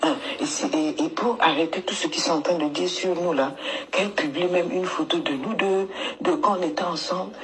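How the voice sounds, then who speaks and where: A woman's voice: lowish voice, moderate pace. A woman coach speaking in a voice message played back from a phone, hesitant, with many fillers and restarts. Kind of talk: casual spoken voice note. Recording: noisy voice message playback.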